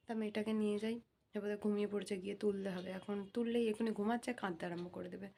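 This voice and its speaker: A woman, a mother, narrating her day in a casual vlog in a soft, low murmur, sometimes cooing baby talk to her daughter. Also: flat delivery, rapid-fire, gravelly. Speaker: vlogger and mother of a baby girl. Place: home, then outdoors on the street. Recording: noisy handheld phone vlog audio. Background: wind and outdoor noise.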